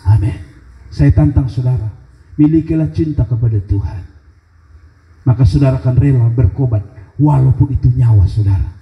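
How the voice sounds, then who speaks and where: A pastor with a Kupang Malay accent preaching a sermon in church, animated and rising to shouts, slipping into local dialect. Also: male voice, fairly high pitch, echoey room, highs cut off.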